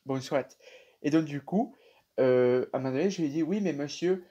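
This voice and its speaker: A young man with a French accent casually telling viewers about a dream, animated and chatty with many fillers. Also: fairly high pitch, moderate pace, breathy edge, lo-fi sound. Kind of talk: casual storytelling to camera.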